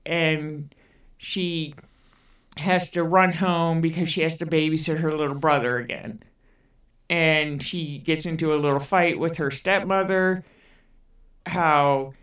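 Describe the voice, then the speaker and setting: A woman co-host retells a movie in an unhurried, rambling chat. Her voice is lowish and her pace very slow. The room is echoey, and the mic is set back. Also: fairly bright tone, distant mic. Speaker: podcast co-host. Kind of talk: casual film retelling. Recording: roomy, away from the mic.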